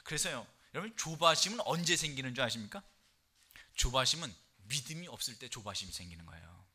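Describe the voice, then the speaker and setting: A middle-aged male pastor preaching a sermon, animated and emphatic, reading scripture loudly and dropping low for key points. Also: breathy edge. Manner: animated preaching, quick and emphatic, rising loud for scripture quotes; drops to low soft tones for key points.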